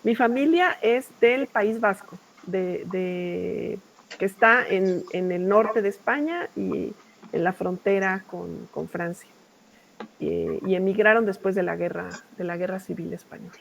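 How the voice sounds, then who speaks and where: A middle-aged university lecturer with a Mexican accent teaches a class informally and conversationally, wandering between points and often checking in with short tag questions. Her mid-range voice is a little slow with vocal fry. The highs are cut off, and there is a little hiss or hum.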